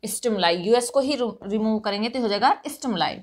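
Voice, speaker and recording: Teaching grammar for competitive exams, an Indian-accented woman speaks at a fairly quick clip in an expressive, fairly high-pitched voice. Her explanations are patient, and she frequently checks that listeners are following.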